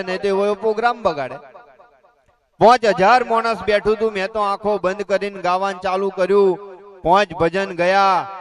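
High-voiced Gujarati man telling stage jokes. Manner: folksy storytelling, voicing others in dialogue. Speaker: comedian and stage host. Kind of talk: live stand-up joke telling.

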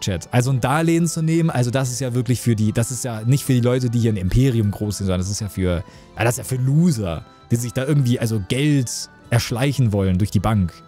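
Chatty male streamer, mellow tone. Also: mid-range voice, quick pace, hardly any pauses, soft background music. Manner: chatty, joking, reads out chat messages. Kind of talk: casual live-stream gameplay chat.

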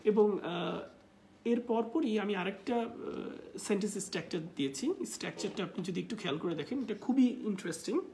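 A woman with a Bangladeshi accent teaching a live English class in Bengali. She reads English example sentences slowly and uses many filler sounds. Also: medium pitch, lively intonation, gravelly, dark tone, slight background noise.

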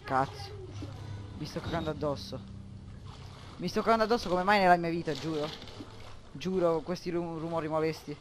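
Panicky swearing gamer. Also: male voice, a little high, moderate pace, pauses often, noisy background. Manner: panicky, swearing, bursts into yelling. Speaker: gameplay commentator. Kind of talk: horror game let's play commentary.

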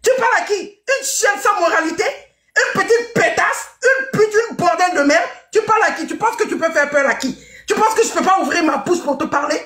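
A woman hosting a live stream, shouting scornful insults with mocking laughs. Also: very high-pitched, expressive, moderate pace, roomy sound.

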